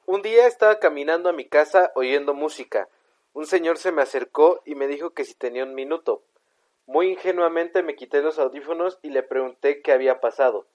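A man's voice: a little high, a little mellow. A young man with a Mexican accent co-hosting a podcast, joking, laughing and swearing, sometimes reading a story aloud. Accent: Mexican Spanish. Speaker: podcast co-host. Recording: dull lo-fi sound.

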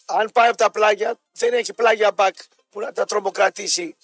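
A man's voice: high-pitched, steady tone, fairly bright tone, no echo, faint music behind. Blunt, argumentative Greek football pundit man. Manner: blunt, emphatic and argumentative, with crude jokes. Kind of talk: casual sports talk show.

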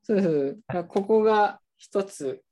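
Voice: medium pitch, moderate pace, dull audio. A bookshop staffer chatting casually while showing shelves, rambling with many fillers. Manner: animated, rambling, full of fillers. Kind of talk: casual chat.

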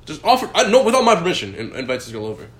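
A man rattles off profane stories at a quick clip, laughing as he goes. His voice carries the echo of a bare room. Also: high voice, big pitch swings. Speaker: podcast co-host. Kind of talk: crude casual chat.

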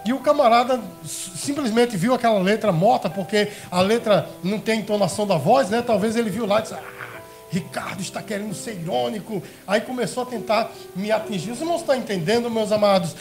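Pastor guy preaching a sermon, high gravelly voice, soft music behind. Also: fast talker, hardly any pauses. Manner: addresses listeners as brothers and beloved, asks them questions.

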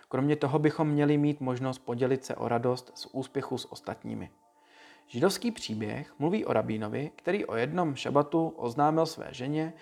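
A man giving a calm, measured read-aloud talk to listeners, like a short lesson. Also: mid-range voice. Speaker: speaker giving a motivational talk.

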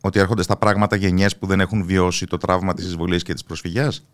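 A man hosting a political interview, putting formal questions in measured, articulate language. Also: low voice, little pitch movement, clear, resonant tone, no room sound, clean studio sound. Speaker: interviewer, host.

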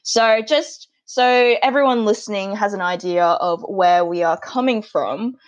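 A young Australian woman hosts a casual podcast, sounding upbeat, giggly, and chatty. Her mid-range voice is unhurried, and the remote call audio cuts off the highs.

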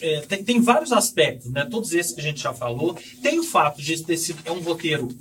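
A Brazilian man with a slightly high voice adds facts and comments to a casual film discussion. He sounds distant from the microphone. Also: sing-song, a little fast, a bit bright. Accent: Brazilian Portuguese. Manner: informative, chiming in with facts. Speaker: film panelist. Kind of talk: casual chat. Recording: voice from far off the mic.

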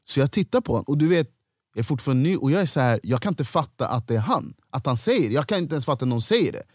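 A Swedish-accented stand-up comedian spins stories in a casual podcast chat, animatedly acting out the voices of people he quotes. His mid-range voice is husky, captured in studio quality with no echo.

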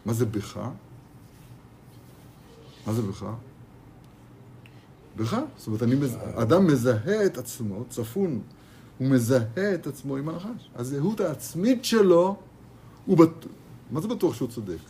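A man's voice: mid-range voice, big pitch swings, long pauses, mellow, a little hiss or hum. A man teaching a Torah class to his students in a kollel, speaking animatedly, repeating phrases and asking rhetorical questions. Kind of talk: lively Torah lesson with students. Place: kollel study hall.

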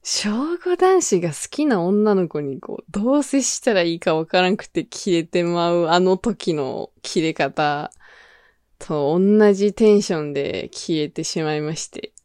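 Lively young Kansai woman chatting. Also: lowish voice, unhurried, no echo, studio quality. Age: 20s. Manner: animated, laughs often, acts out her own lines. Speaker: radio show host. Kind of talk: casual solo talk.

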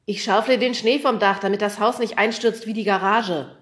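A woman reading an audiobook, voicing a jovial, joking rich middle-aged man who talks loud and hearty. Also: fairly high pitch, normal speed, voice pushed up, close to an everyday voice. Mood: jokey.

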